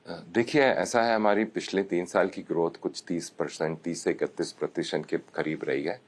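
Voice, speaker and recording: A man, a company executive, answering interview questions in a measured way, listing points and mixing into his sentences. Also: low voice, steady tone. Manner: measured, mixes English and Hindi, lists points methodically.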